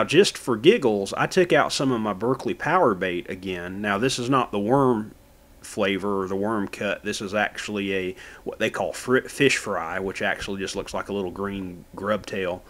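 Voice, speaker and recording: A man from Florida narrating his own fishing footage in a plain, folksy how-to manner. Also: on the low side. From Florida, USA. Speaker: fishing channel host.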